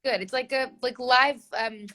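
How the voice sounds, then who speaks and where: A woman's voice: sits high, fairly even intonation, measured pace, sharp tone. A young woman guesting on a casual livestream chat, effusive and giggly, with lots of filler "like". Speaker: guest singer.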